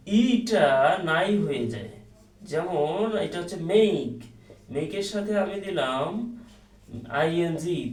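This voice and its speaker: High-voiced man teaching in an echoey room. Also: a little mellow, far from the mic. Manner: patient, repeats key points, many hesitant "ah" fillers. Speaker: English teacher. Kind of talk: video lesson explaining at a board. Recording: echoey room, voice a bit off-mic.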